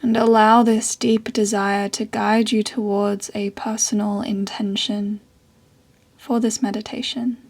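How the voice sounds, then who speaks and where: Soft and breathy, a woman who teaches yoga and meditation leads a meditation at an unhurried pace. Long pauses separate her words, and her pitch holds very steady.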